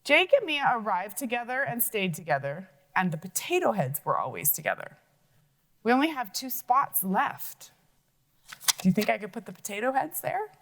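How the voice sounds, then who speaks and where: A woman's voice: fairly high pitch, sing-song, normal speed, a bit bright. A woman teacher walking young children through a logic puzzle, thinking aloud and asking them questions.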